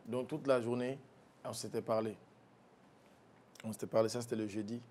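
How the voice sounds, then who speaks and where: A man recounting a personal loss in an interview, speaking softly and haltingly, with frequent restarts and a voice that drops low at painful moments. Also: steady tone, a little hiss or hum. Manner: soft-spoken, halting with restarts, low when recalling grief. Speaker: guest.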